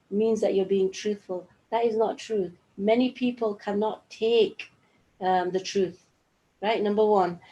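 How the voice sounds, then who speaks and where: Woman Quran teacher, warm low-key tone, relaxed explanatory delivery, peppers lines with "right?". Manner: explains verses with frequent rhetorical "right?" checks; unhurried, thinking aloud with fillers. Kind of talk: conversational religious lesson.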